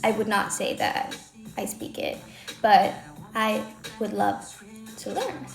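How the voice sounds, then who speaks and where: A young Swedish woman hosts a livestream from her own room, answering comments in a chatty, bubbly way with a light Swedish accent and lots of "like" fillers. Her medium-pitched voice is creaky, with lively intonation, and she takes it slowly. The room echoes, and faint music plays.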